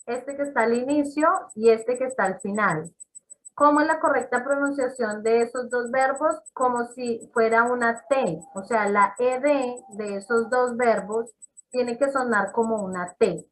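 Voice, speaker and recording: A woman's voice: a little high, a little slow, low-quality recording. A woman teaching an English class on a video call, explaining step by step and checking in with her students. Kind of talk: online class instruction.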